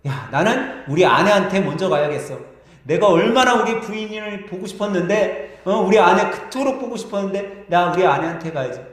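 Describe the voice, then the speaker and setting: A man's voice: high voice, a little fast, close to an everyday voice. A pastor voicing a healed leper man who speaks in a raised, longing way about seeing his wife, in an echoey church hall.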